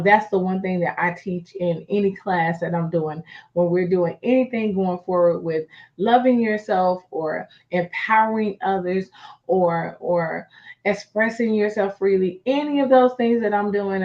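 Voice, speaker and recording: A woman's voice: on the low side, highs cut off. A woman hosting a motivational talk. She speaks emphatically, repeats her points and talks to her listeners as y'all. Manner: emphatic and repetitive, conversational, addresses listeners as y'all.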